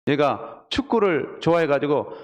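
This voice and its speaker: A male pastor preaching a Sunday sermon, telling stories with lively acted-out quotes. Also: a little high, normal speed, dull audio. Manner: animated storytelling with acted quotes. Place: church sanctuary. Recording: long church hall reverb.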